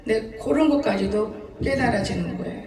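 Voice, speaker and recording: A woman's voice: mid-range voice, expressive, moderate pace, vocal fry, crowd noise. A woman in her seventies, a pastor preaching a sermon in a folksy storytelling way, often laughing as she talks. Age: 70s. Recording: echoey church hall, distant mic.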